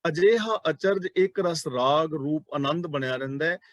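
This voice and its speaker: A man teaching a religious class, explaining sacred terms slowly and speaking directly to his listeners, often repeating key words. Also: fairly high pitch, no echo. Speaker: Sikh scripture teacher.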